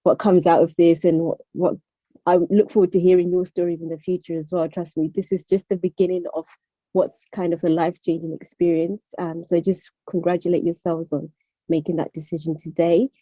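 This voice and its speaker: A young woman, born in Zimbabwe, moved to the UK at about nine and was partly raised there. She is a former pageant contestant giving a casual motivational talk as a guest speaker on an online video call. Her lowish, mellow voice is flat and a little fast, with no room sound, in dull, dry, lo-fi call audio.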